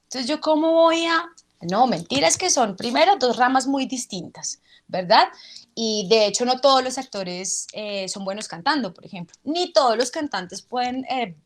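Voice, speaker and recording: A woman's voice: a little high, normal speed. A woman, an actress and drama teacher, answering interview questions and showing her points with her voice. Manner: animated, explains with vocal demonstrations.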